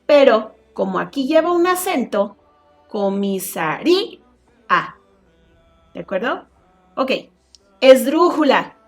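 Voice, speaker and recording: A woman teacher from Mexico giving a recorded online lesson, explaining slowly and often checking with her students. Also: high-pitched, sing-song, faint music behind. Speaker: high school teacher. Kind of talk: online class lecture.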